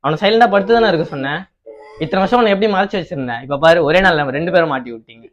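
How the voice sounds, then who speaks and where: A man pranking his mother, pleading fast and coaxing a crying child in casual banter. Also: on the high side, highs cut off. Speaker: prankster, YouTube host.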